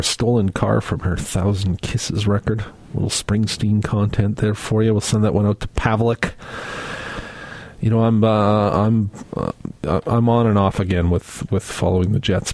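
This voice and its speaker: Male radio DJ, lowish voice, rambling easygoing patter, dry close studio mic. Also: darkish tone, no room sound. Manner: rambling, many filler words and restarts. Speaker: radio host. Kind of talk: casual radio show patter.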